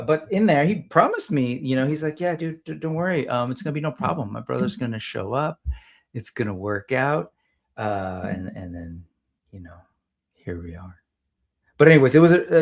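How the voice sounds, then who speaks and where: A man hosting a casual solo livestream about toy collecting, rambling and often interrupting himself with self-deprecating asides. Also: medium pitch.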